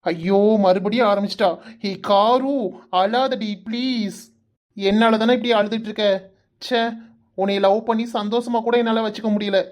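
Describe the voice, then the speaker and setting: A woman's voice: medium pitch, steady tone, moderate pace, darkish tone, close to an everyday voice. A woman voicing a teasing, exasperated young man in a cartoon, with a Kanyakumari Tamil accent, coaxing and playfully scolding. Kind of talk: cartoon voice acting.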